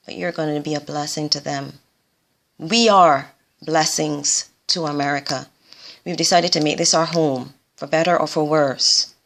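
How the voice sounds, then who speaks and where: A woman doctor in her forties speaks in a motivational vlog to foreign medical graduates. Her voice sits low and carries a gravelly rasp. She talks earnestly and repeats her key phrases for emphasis.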